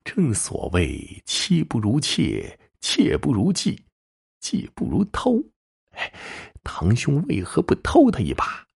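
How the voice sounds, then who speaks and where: Guy putting on a sneering young bully in a spoken story, goading and sly, raspy. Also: on the low side, huge pitch swings, a little slow, full character voice. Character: sly leering young male thug, a bully's cousin.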